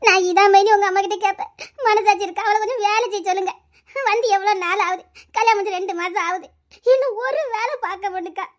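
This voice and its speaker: An actress in a web series drama plays a grumbling woman who complains to her sister-in-law about her household. Her voice is very high and fast, tearful and aggrieved, as she rattles off one grievance after another.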